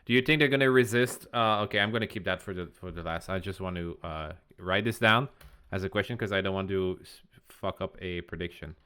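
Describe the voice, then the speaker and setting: A man's voice: low voice, a little fast, bright, forceful tone, smooth. A young man co-hosting a casual fan podcast, blunt and matter-of-fact, with casual swearing. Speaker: podcast co-host. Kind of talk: casual chat.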